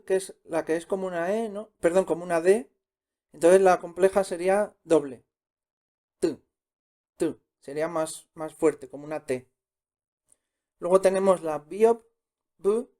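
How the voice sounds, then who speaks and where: Slow, patient man teaching sounds. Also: high voice, warm tone. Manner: patient, repeats each sound twice. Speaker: Korean language teacher. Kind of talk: slow step-by-step pronunciation lesson.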